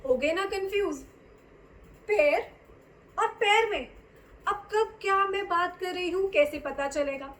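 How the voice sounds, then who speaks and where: A young woman teaches an English lesson in a very high voice. She speaks at an unhurried pace and spells out the example sentences slowly and deliberately. In between, she chats with the viewers and asks them questions. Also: a bit bright, low-quality recording. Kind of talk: bilingual language lesson.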